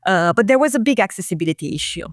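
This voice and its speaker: A woman, a guest talking casually and reflectively in an interview, often pausing on fillers and restarting phrases. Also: medium pitch, animated, no room sound, studio quality. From Romania. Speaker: guest, marketing executive.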